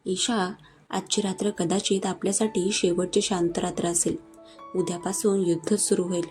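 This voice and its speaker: A woman reading as a fiercely possessive young lover in a storybook romance, his voice low and velvety. The tone is warm and mellow, and soft music plays faintly behind. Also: little pitch movement, moderate pace, close to an everyday voice. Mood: tender.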